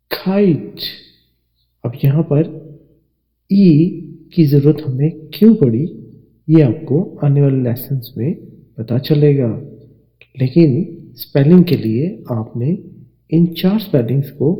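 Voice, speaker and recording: A man teaching English spelling to Urdu speakers, spelling out each letter and repeating every word slowly. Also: fairly high pitch, dark tone, poor audio. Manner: slow and deliberate, spells out letters and repeats words. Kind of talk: slow spelling lesson narration.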